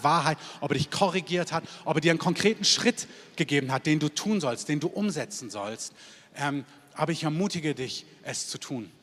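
A man preaching a sermon, moving between loud emphatic lists and soft, quiet prayer. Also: on the high side. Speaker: pastor. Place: church hall before a congregation. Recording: long hall reverb.

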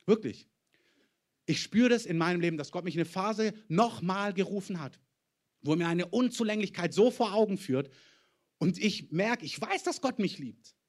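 A man preaching a sermon as pastor, swinging between loud declarations and hushed, intimate asides. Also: high voice, lively intonation, normal speed.

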